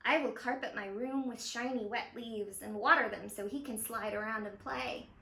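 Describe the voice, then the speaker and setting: A woman's voice: fairly high pitch, moderate pace, vocal fry, sharp tone. A woman voicing an eager, imaginative young boy from a picture book, earnestly and confidently explaining plans. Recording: roomy echo of a home interior.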